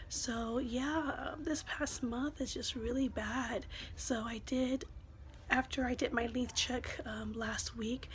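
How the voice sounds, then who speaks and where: A woman chats casually to her viewers in a fairly high voice that is giving out from a cold. It keeps thinning into breathy, voiceless whispering. The home recording has plainly audible noise. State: lost voice from a cold. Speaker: vlogger. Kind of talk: casual vlog talk to viewers.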